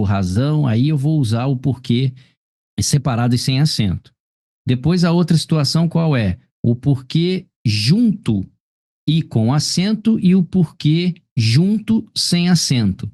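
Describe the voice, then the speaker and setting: A man's voice: mid-range voice, dark tone. A man with a Brazilian Portuguese accent teaching a grammar class over a video call, explaining patiently and asking "tá vendo?" again and again. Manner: explanatory, repeats "tá vendo?" and "ó" often. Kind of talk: live online class correcting a test.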